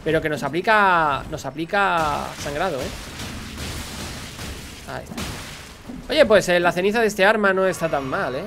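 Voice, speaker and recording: A man's voice: a little high, normal speed, long pauses, background noise. A man giving chatty, explanatory lore commentary while he plays a game. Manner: chatty, explanatory, often says "¿vale?". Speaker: lore channel host. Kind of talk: casual gameplay lore commentary.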